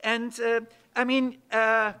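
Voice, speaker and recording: A man's voice: extremely high pitch, flat delivery, slow pace, bright, forceful tone, clean tone. A middle-aged man from Germany, speaking at a panel event in an emphatic way, with frequent restarts and "yeah?" checks. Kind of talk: spoken conference talk.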